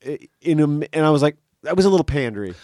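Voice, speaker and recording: A man's voice: fairly high pitch, lively intonation, rapid-fire, darkish tone, no echo, studio quality. A man appearing as a guest on a casual film podcast. He chats wryly and often restarts his sentences.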